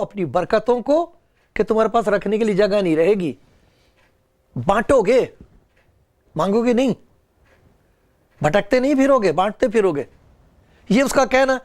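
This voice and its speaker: Male preacher, high-pitched, earnest sermon delivery with strong rises and falls. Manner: earnest, pleading preaching with rising and falling emphasis.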